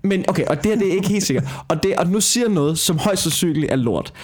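A man's voice: sits high, animated. A young man, co-hosting a casual podcast chat, swearing freely and telling stories with animation. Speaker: podcast co-host.

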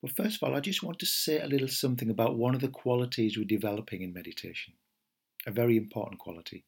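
A middle-aged man, a meditation teacher giving a gentle, unhurried podcast talk with fillers and restarts. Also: mid-range voice, gravelly, slightly rough.

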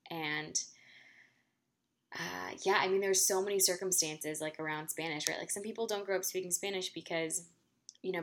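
Earnest woman co-host, deep voice with fry. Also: fairly bright tone. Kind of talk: casual discussion.

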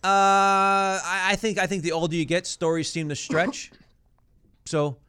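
A man's voice: high voice, flat delivery, a little slow, sharp tone, clean tone, dry recording. A man who used to play pro football, telling long, profane stories in casual chat. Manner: profane, rambling anecdotes. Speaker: former pro football player. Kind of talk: casual podcast storytelling.

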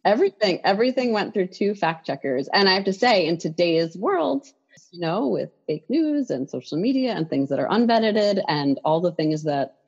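A woman with a low, husky voice talks through an interview in a loose, rambling way, full of fillers and restarts. The recording is dull and lo-fi. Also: very animated, normal speed. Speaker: children's picture book writer, guest. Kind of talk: casual interview conversation.

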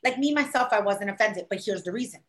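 A fast-talking woman at medium pitch, from New York City, speaks casually in a New York accent shaded by Puerto Rican influence. Animated, she imitates the voices she quotes. The recording sounds echoey.

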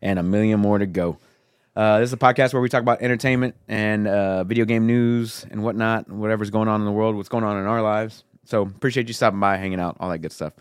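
A man's voice: fairly low pitch, steady tone, fast talker, clear, resonant tone, no room sound, clean studio sound. A man hosting a casual podcast, talking in a laid-back way and swearing now and then. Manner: laid-back, swears casually, calls his co-host bro. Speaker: podcast host.

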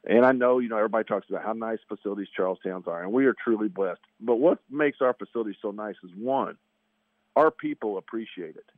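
A man's voice: medium pitch, no echo. A fifty-year-old man, an athletic director, talking in a chatty, folksy way on a radio show, his voice nasal and congested from allergies. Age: 50s. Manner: chatty, folksy, repeats himself. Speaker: high school athletic director. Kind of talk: phone-in radio interview. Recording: tinny phone line.

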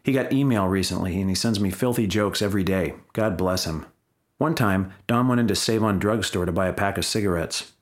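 A man with a fairly low voice reads his own comic memoir pieces aloud. His delivery is wry and blunt, and he drops profanity with ease. It comes across as first-person storytelling rather than chat. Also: brisk. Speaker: memoir reader.

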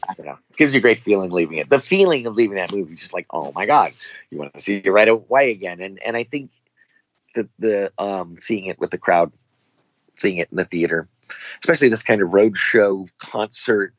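Low-voiced man telling rambling anecdotes. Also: moderate pace, dry recording, lo-fi sound. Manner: rambling, acts out quoted dialogue. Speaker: actor guest. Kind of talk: casual anecdotal chat.

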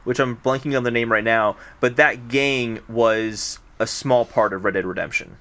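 A man co-hosting a podcast, talking in a relaxed, explanatory way with a few fillers. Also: medium pitch, normal speed. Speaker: podcast co-host. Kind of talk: casual chat.

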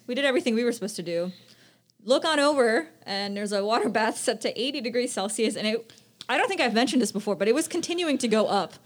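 Young woman podcast co-host, casual chat, animated storytelling with acted-out quotes. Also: on the high side, fast.

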